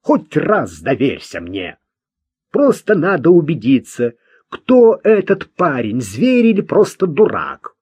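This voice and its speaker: A man's voice: a little high, wildly swooping pitch, takes it slowly, darkish tone, breathy edge, no echo, pitched above the performer's own voice, heavily acted. A man voicing a nervous, irritable man who gives curt orders, in an audiobook. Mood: irritated. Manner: curt and commanding.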